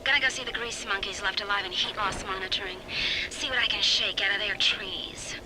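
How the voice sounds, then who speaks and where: A woman's voice: medium pitch, fairly even intonation, fairly quick, lightly acted. An actress playing a sardonic, tough-talking woman recording a wisecracking audio diary in a video game. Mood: wry. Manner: wry, slangy, wisecracking. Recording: noisy recorded audio log.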